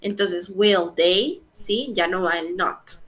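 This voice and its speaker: A woman's voice: fairly low pitch, slow, a bit bright. A young woman teaching an English grammar lesson, explaining patiently step by step and often checking in with her students.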